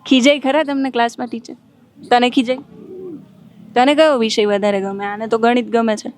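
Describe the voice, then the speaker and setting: Female field reporter, high-pitched, playful, interviewing kids outside. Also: fairly even intonation, moderate pace. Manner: playful, teasing questions. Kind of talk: on-location interview with schoolchildren. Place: outside at a girls' school.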